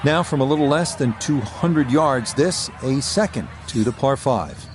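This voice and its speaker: A man giving golf commentary as the play-by-play announcer, calling shots in a measured, understated way. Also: medium pitch, animated, a little hiss or hum. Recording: background music and crowd sound.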